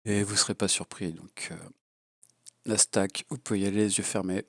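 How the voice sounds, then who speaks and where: With a cold and a low-pitched, gravelly, steady voice, a man bluntly and crudely rambles through an off-the-cuff FPV drone product review at a moderate pace, using many fillers. The sound is clean and studio-like with no room sound, recorded on a low-level home mic.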